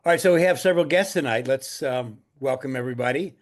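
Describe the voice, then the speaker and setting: A man's voice: mid-range voice, quick pace. Man casually chairing an online meeting. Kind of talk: informal chairing of a public meeting. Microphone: video call.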